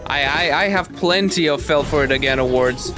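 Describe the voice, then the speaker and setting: A man's voice: on the high side, moderate pace, music in the background. A man hosting a gaming video with casual, rambling commentary, joking and mocking himself as he goes.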